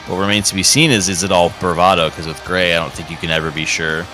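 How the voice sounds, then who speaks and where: A man's voice: deep voice, fairly even intonation, quick pace, music in the background. A man giving wrestling commentary as the color analyst, in a conversational, analytical way.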